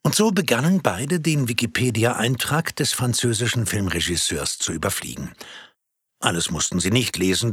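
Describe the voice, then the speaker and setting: A man reading his own story aloud in a playful, expressive way. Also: lowish voice, husky, no room sound, clean studio sound. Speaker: narrator.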